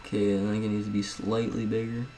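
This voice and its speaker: A man's voice: lowish voice, level tone, quick pace, warm tone, slight background noise, poor audio. A young man at home casually talking viewers through a video editing tutorial, rambling and chatty, often calling them guys. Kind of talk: casual screen-recorded tutorial.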